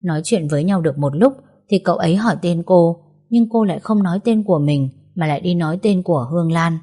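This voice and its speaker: A woman narrating a story in a steady, measured way. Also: fairly low pitch.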